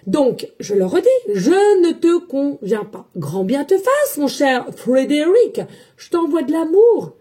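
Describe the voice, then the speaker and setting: A psychic medium who gives tarot readings speaks casually to her viewers in a monologue that is defensive, repetitive, and full of fillers. Her warm voice sits high with big pitch swings, and she talks a little slowly.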